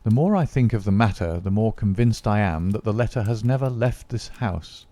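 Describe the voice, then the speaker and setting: A man voicing a cool, confident male detective who speaks in a calm, dry, understated way. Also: fairly low pitch, moderate pace, no echo.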